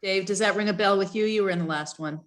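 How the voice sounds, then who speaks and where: A woman's voice: medium pitch, fast talker. A woman on staff leading a town commission's review, reading regulation text aloud and thinking it through with hesitant fillers and restarts over a video call.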